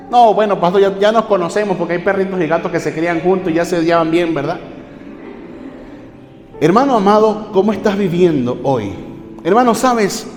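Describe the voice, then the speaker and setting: A man's voice: high-pitched, a little mellow. A man preaching a sermon as pastor, asking the congregation question after question and calling them brothers. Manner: preaching with rhetorical questions and repeated appeals to "hermanos". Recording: echoey hall with faint music.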